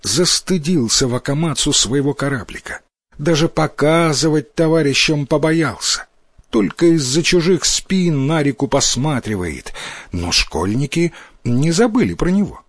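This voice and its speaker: Man, fairy tale narrator, expressive, lively pitch, husky, dry close sound. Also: a little slow, dry recording. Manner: expressive, voices the characters. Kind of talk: storybook fairy tale reading.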